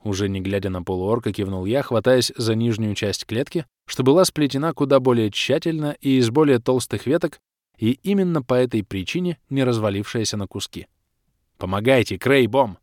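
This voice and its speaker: A man narrating a first-person fantasy audiobook with wry, lively storytelling. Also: medium pitch, a little fast, no echo, clean studio sound.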